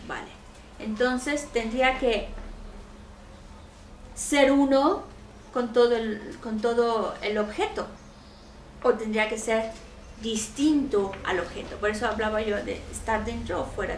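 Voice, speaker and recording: A woman patiently explains a teacher's ideas as his interpreter, her voice sitting high. She is picked up from a distance in an echoey room with faint background noise. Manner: patient, explanatory, with frequent checking "¿vale?". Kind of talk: explaining a philosophy lesson.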